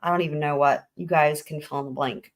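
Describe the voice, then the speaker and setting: A woman's voice: low-pitched, moderate pace, slight background noise. A woman reacting casually to trial footage as a commentator, blunt, informal and sarcastic.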